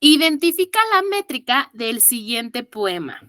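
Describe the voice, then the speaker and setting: Slow-talking Mexican woman teacher. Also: on the high side, very animated, fairly bright tone, no echo, studio quality. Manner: slow, patient, counts syllables aloud and praises students. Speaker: exam prep teacher. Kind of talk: online class.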